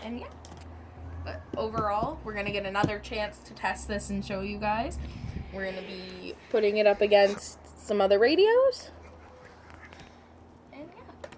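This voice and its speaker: Unhurried and mid-range, with lively intonation and long pauses, a woman demonstrates a product over background noise. The product reviewer keeps the hands-on demo casual and chatty, correcting herself as she goes.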